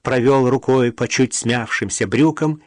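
A man narrating an audiobook in a steady, even storytelling manner. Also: mid-range voice, measured pace, no room sound.

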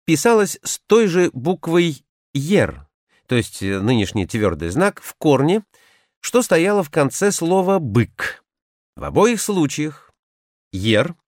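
Expressive man narrating word history. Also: medium pitch, no echo, studio quality. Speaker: language historian explaining word origins. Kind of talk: scripted educational narration.

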